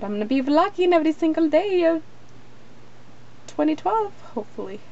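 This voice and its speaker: Her voice is high-pitched and darkish, with big swings in pitch and a fairly quick pace. This young American woman vlogs casually from small rooms at home, a closet and a bedroom, rambling informally and saying "like" often. The handheld camera is at arm's length and its audio is dull and noisy.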